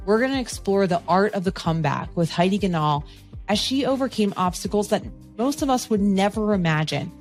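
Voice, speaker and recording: A woman hosting a business podcast, reading scripted intros and asking quick, upbeat follow-up questions. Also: lowish voice, darkish tone. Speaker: podcast host. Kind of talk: reading ad copy and interviewing.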